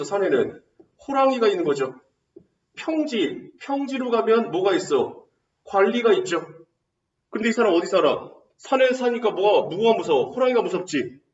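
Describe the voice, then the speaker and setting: A male teacher giving an exam-prep lecture, quizzing students with rapid rhetorical questions and answering them himself. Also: sits high, reverberant, recorded from a distance, muffled recording. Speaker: Korean literature teacher.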